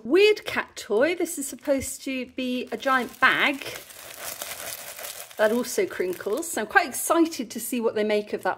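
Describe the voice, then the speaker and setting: A chatty woman from the UK walks through her haul at home, her voice sitting a little high. She talks casually and chuckles often. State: slightly out of breath. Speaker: vlogger. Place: home in Rwanda.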